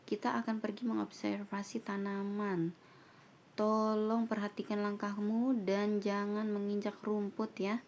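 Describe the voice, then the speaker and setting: A woman teaching an online English lesson who reads each line slowly and then translates it. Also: medium pitch, little pitch movement, darkish tone. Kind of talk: online English lesson, reading dialogues aloud. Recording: dull lo-fi sound with faint noise.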